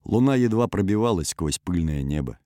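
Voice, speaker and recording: A man narrates an audiobook in the first person, his voice very low and deep. He keeps a steady, even pace, and the recording is dry and close with no room sound. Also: a little fast, no echo.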